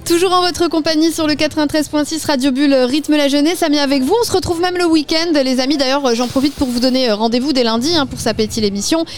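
A woman's voice: high-pitched, fast, few pauses, faint music behind. A woman hosting a local radio show, chatting with guests at an association fair in a community hall. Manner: chatty, friendly, lots of fillers. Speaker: radio host. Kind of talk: live radio interview.

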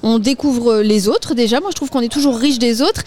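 A woman's voice: a little high, moderate pace, darkish tone. A woman hosting a local radio show, chatting with guests at an association fair in a community hall. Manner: chatty, friendly, lots of fillers. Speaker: radio host. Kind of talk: live radio interview.

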